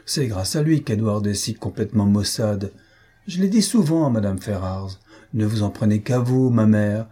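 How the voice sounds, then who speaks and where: A man voicing a vain, foppish young gentleman who talks in an affected, mocking, chatty way. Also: on the low side, animated, normal speed, breathy edge.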